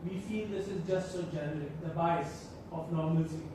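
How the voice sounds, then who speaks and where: A man giving spoken feedback as an attendee at a group session, in a polite, measured and tactful way. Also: on the high side. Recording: echoey room, distant mic, background noise.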